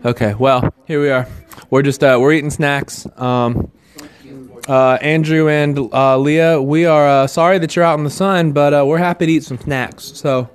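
A man's voice: fairly high pitch, fairly even intonation, moderate pace, slight background noise. A man hosting a casual wedding podcast outdoors at a reception, teasing guests and using lots of filler words. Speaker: host of an amateur wedding podcast. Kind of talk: casual chat, interviewing guests. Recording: music playing behind the voice.

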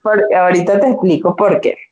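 A young woman with a Venezuelan accent, a podcast guest, telling her story in a casual, animated way and acting out the voices of the people in it. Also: mid-range voice, a little fast, highs cut off. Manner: animated, acts out quoted voices.

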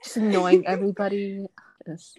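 A woman's voice: medium pitch, level tone, moderate pace, crowd noise. A young woman co-hosting a casual podcast chat, laughing often and trailing off mid-sentence. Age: young adult. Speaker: podcast co-host.

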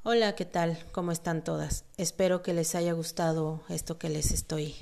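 A woman's voice: low-pitched, steady tone, moderate pace, gravelly, a little mellow. A woman reciting spoken-word poetry, declaiming in short, emphatic phrases.

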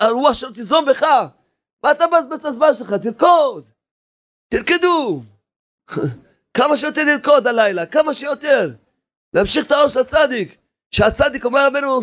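A man preaches with rising fervor, repeating his points again and again and urging his listeners on. His voice sits high for a man, and he breaks into shouts at the peaks. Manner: impassioned, repetitive exhortation, sometimes shouting. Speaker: rabbi. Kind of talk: sermon.

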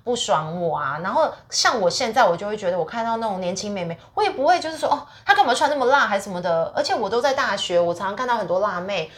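Fast-talking Taiwanese-accented woman. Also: mid-range voice, lively intonation. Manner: mixes English phrases into her Mandarin. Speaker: podcast co-host. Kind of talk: casual chat.

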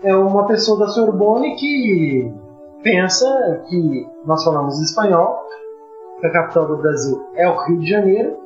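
A Brazilian man with a Brazilian Portuguese accent, talking in a halting, ironic way with many restarts on a casual podcast. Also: sits high, darkish tone. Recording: roomy, slightly dull audio with faint music.

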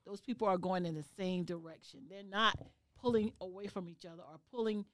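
A middle-aged woman co-hosting a podcast, talking loudly and passionately, swinging between near-shouting and low asides. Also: steady tone, brisk, no echo. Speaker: podcast co-host. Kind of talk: heated casual panel chat.

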